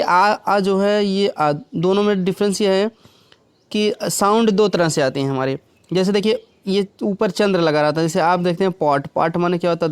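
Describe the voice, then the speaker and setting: A man's voice: high voice, clear, resonant tone, dry recording. A man teaching English, explaining step by step and often checking that his students follow. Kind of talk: classroom lesson.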